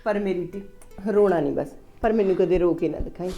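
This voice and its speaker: An actress playing a caring mother-in-law who gently soothes her daughter-in-law in a village family drama. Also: on the low side, fairly quick, gravelly, soft background music.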